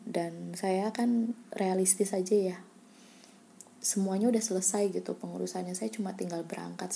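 A woman being interviewed, telling a personal story in a soft, reflective way that often slips into a breathy half-whisper. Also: lowish voice, a little hiss or hum. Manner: candid, many fillers and restarts. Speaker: interviewee, scholarship student abroad.

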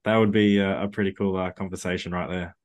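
Guy hosting a podcast, lowish voice, casual chatty interview style. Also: little pitch movement, fast talker. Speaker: podcast host.

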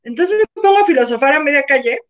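A Mexican woman co-hosting a casual live show, telling an animated story and acting out the people in it. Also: high voice, fast talker. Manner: animated, acts out voices in her anecdotes. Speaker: co-host. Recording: muffled lo-fi sound.

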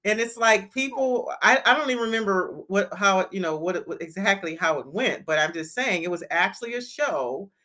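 A woman host in a relaxed conversation, sharing stories in a chatty way. She often restarts her sentences and repeats words. Her voice is bright and sits in a middle pitch. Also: fairly quick, hardly any pauses. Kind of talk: casual chat.

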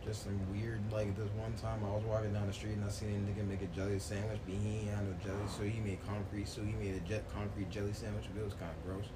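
A man co-hosting a casual sports podcast, teasing and laughing, with loud bursts of excitement. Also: lowish voice, fast, few pauses, noisy background. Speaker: podcast co-host.

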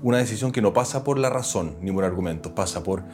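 A man with a Chilean Spanish accent speaks in a fairly low voice, earnest and animated as he tells his story. He sits as a guest in a relaxed interview and acts out other people's voices when he retells a scene. Faint guitar music plays underneath. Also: fast talker. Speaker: interview guest, actor and TV presenter. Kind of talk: reflective conversational storytelling.

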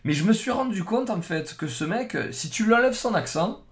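A streamer with a Southern French accent, joking in slangy, crude talk during a football chat. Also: male voice, sits high, animated, normal speed. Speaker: streamer, co-host. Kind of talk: casual football banter.

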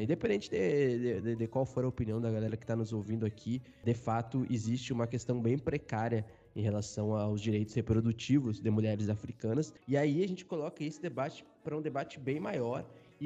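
A man's voice: mid-range voice, dark tone, muffled recording. A man co-hosting a podcast, talking things through in a reflective way with restarts and fillers. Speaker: podcast co-host. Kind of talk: casual discussion.

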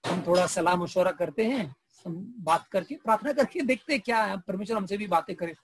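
A man's voice: high-pitched, fairly quick, background noise, natural voice. Man doing dismissive church elders. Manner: placating, dismissive. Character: three wary male church leaders, dismissive.

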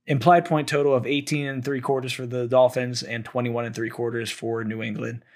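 Brief: young male podcast host, solo sports picks, hoarse from talking, um-heavy. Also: medium pitch, flat delivery, fairly quick. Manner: thinks aloud with frequent fillers and restarts. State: losing his voice. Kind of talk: solo sports betting talk.

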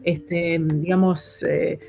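A woman from Argentina, an actress, chatting as an interview guest in a thoughtful way, often pausing with fillers. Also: fairly low pitch, little pitch movement, vocal fry, darkish tone, soft background music. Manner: thoughtful, many hesitations and fillers. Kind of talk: casual interview chat.

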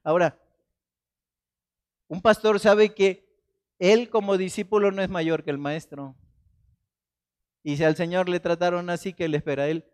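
High-voiced man preaching a dramatic sermon. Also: steady tone, moderate pace, pauses often. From Mexico. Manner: dramatic, shifts between loud emphasis and soft quoted asides. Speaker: pastor. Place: church.

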